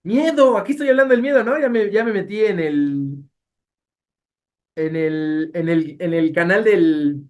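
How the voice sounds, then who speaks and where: A Mexican man leading a Bible study lecture. He speaks in a lively, expressive way and keeps putting questions to the class. His delivery feels like a teacher working through a lesson. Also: high voice, a little slow, muffled recording. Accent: Mexican Spanish. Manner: animated, asks the class rhetorical questions.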